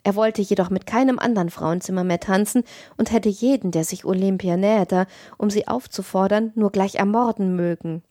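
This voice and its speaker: A woman narrating a classic tale as an audiobook reader, in a measured, expressive reading. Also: medium pitch, no echo, clean studio sound.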